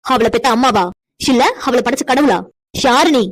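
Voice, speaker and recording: A woman's voice: on the high side, normal speed, close to an everyday voice. A woman voicing a defiant young woman in a cartoon, indignant and lecturing as she defends her friend. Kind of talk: cartoon voice acting.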